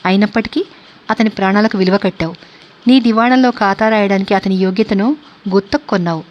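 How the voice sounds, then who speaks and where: A woman's voice: mid-range voice, fairly quick, muffled recording, natural voice. A woman reading the part of a stern old man who lectures and reproaches. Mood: reproachful.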